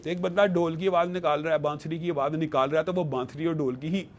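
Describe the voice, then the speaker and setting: A man with a somewhat raised pitch argues his case in a panel discussion. He talks with earnest conviction, as a religious scholar would, and quotes scripture to back his points. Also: steady tone, a little mellow.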